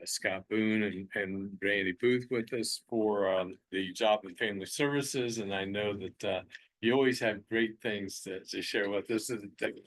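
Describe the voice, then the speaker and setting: An American man speaking in a measured way as he formally chairs a public county meeting. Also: fairly low pitch, fairly bright tone, dry recording, poor audio.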